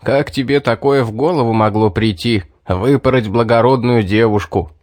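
A man voicing a blunt, tired town judge in a fantasy audiobook, gruff and matter-of-fact. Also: mid-range voice, normal speed, a little mellow, no room sound, close to an everyday voice. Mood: weary. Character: weary, blunt middle-aged town judge.

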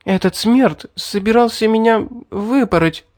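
A man doing a haughty, shrill young noble lady. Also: unhurried, darkish tone, dry recording, studio quality. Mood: tearful. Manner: high, shrill and imperious.

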